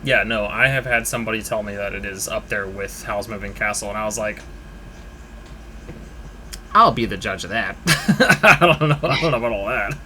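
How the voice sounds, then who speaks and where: A man's voice: lowish voice, fast, sharp tone, a little hiss or hum. A man co-hosting a podcast in casual chat, enthusiastic, swearing and laughing often. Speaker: podcast co-host.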